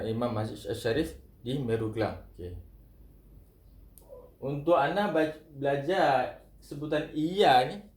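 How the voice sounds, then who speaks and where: A man teaching Quran recitation, repeating each sound slowly and chanting verses in a drawn-out way. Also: medium pitch, a little mellow. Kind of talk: recitation lesson. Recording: echoey room.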